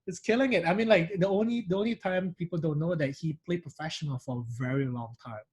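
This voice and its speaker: A man's voice: fairly high pitch, quick pace, darkish tone, slightly rough, poor audio. A man from Indonesia with a mixed Singaporean and Indonesian accent, chatting animatedly as an interview guest with many restarts. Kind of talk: casual interview chat.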